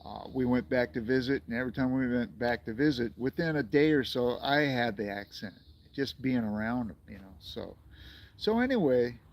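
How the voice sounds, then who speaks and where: A man's voice: medium pitch, animated, normal speed. A man in his sixties from the United States, rambling and chuckling as he chats casually with viewers on a livestream. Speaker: livestream host.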